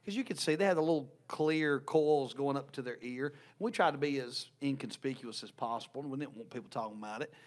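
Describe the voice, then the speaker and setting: A youth pastor in his 30s from North Carolina, USA, co-hosts a casual podcast chat from a small church room, speaking into a desk mic on a stand. His mid-range voice is brisk with hardly any pauses, and he is earnest, often restarting his words.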